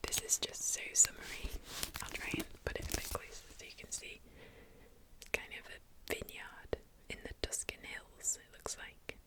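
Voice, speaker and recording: A woman whispering softly into a close mic, chatting about books in a gentle, unhurried way. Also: poor audio. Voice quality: soft whisper. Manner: slow, gentle, chatty with tapping sounds. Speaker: booktuber. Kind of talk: whispered ASMR book chat.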